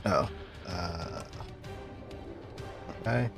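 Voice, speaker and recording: A man's voice: low-pitched, expressive, very slow, gravelly, fairly bright tone, faint music behind. A man chatting casually as a player at a tabletop game, talking through his moves.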